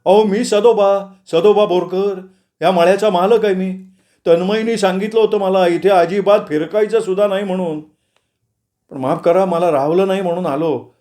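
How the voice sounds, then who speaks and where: Male storyteller as a loud, eager farm owner, pitched up, mellow tone. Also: steady tone, moderate pace, natural voice. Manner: loud, eager, apologetic questioning.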